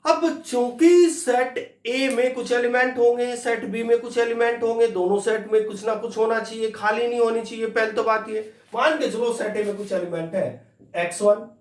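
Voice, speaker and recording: High-voiced male math teacher, echoey room. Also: steady tone, recorded from a distance. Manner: repeats points slowly, keeps asking students to listen. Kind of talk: classroom lecture.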